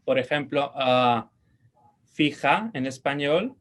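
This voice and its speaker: Spanish-man teaching a language lesson. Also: mid-range voice. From Spain. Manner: patient, repeats words slowly for pronunciation; checks in with short questions.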